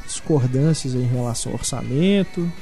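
Man, mellow, casual host chat, light music behind. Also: mid-range voice, normal speed. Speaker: podcast host. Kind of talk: casual film news chat.

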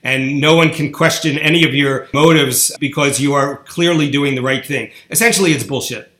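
A man's voice: fairly high pitch, normal speed, a bit bright. A man answering interview questions bluntly and argumentatively. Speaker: guest. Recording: echoey room.

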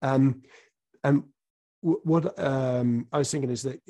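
A man interviewing, musing thoughtfully in a halting way with many fillers and restarts. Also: medium pitch, steady tone, dark tone. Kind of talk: conversational interview.

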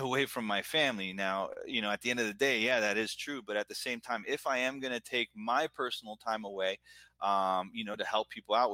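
A middle-aged American man from Florida, a guest who is an entrepreneur and business owner, talks earnestly and at length about himself in a casual, reflective conversation. His voice is fairly low with a sharp tone, and the recording has no room sound.

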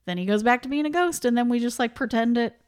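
A woman's voice: on the high side, fast, clear, resonant tone. A young woman co-hosting a podcast, chatting casually about a movie with lots of fillers, laughs and asides. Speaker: podcast co-host. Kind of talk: casual movie-review chat.

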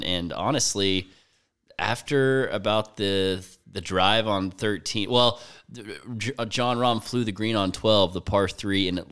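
A man with a low voice recaps a golf tournament on a podcast. He is laid-back and wry, and he works in dry jokes as he goes. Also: fairly bright tone, clean tone. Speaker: podcast co-host. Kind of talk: casual golf chat.

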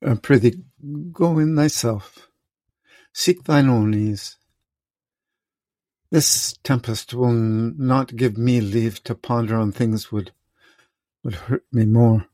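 A man reading the part of an old king in a storm, declaiming the verse slowly with heavy pauses. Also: mid-range voice, dark tone, no room sound, natural voice. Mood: weary. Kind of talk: reading a play aloud.

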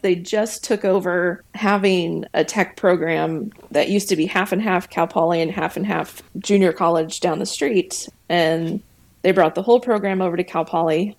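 A woman's voice: lowish voice, darkish tone. A woman in her late thirties or forties talking candidly as a podcast guest, laughing often and acting out her own past remarks. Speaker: guest, veterinary technician and ER manager. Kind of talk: conversational podcast interview.

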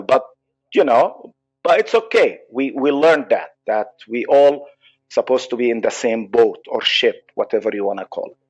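Palestinian-accented guy on a podcast, earnest, stops and restarts a lot, muffled lo-fi audio. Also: mid-range voice. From Israel. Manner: earnest, halting, many restarts. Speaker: psychologist guest. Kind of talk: podcast interview.

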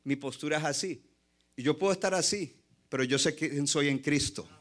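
A man's voice: fairly high pitch, moderate pace, fairly bright tone. Impassioned man preaching. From Colombia. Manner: impassioned, mixes in English phrases. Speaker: pastor. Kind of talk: sermon.

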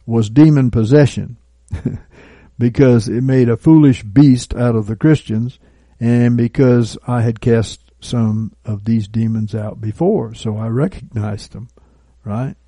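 A man preaching a sermon, deliberate and measured, reading scripture aloud and dropping to quiet asides. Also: medium pitch, no room sound. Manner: reads scripture and prophecy aloud. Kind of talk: recorded sermon teaching.

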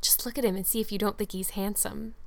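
A woman's voice: medium pitch, steady tone, quick pace, creaky, close to an everyday voice. A woman reading a storybook, voicing a chatty schoolgirl who whispers confidingly. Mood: gossipy.

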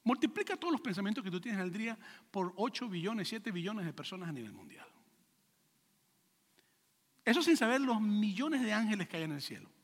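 A male pastor preaching a sermon with lively acted-out quotes and rhetorical questions to the congregation. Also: high voice, a little fast, pauses often, long reverb tail.

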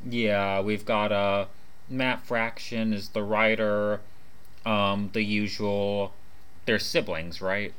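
A man's voice: on the low side, little pitch movement, slow, a bit bright, smooth. A man co-hosting a casual podcast, talking informally and freely swearing, with half his mouth numb from the dentist. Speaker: podcast co-host.

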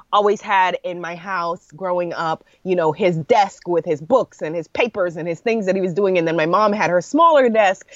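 A woman in her thirties from New York speaks as an interview guest, spinning stories with easy laughs and lots of "you know". Her voice sits at a middle pitch. The audio is a touch muffled and dry, with no room sound. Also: dry recording. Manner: warm storytelling with frequent laughs and "you know". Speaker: podcast guest, entrepreneur. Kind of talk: casual interview conversation.

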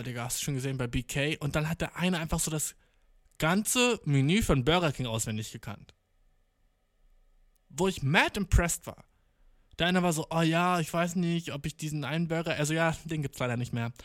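A young man with a slightly high, fairly bright voice narrates a casual story, heavy on slang and swearing, with "ne?" tagged onto lines and the quoted people acted out. It's a studio-quality recording with no room sound.

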